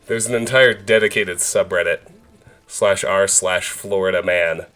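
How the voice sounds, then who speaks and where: A man's voice: sits low, fairly even intonation, measured pace, fairly bright tone. A man in his thirties streaming a video game, chatting casually and joking with his viewers. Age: 30s. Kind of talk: casual live-stream chat.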